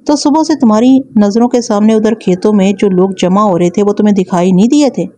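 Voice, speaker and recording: A woman's voice: medium pitch, warm tone, natural voice. A woman reading as a stern, sarcastic male inspector. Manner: sarcastic, threatening questioning.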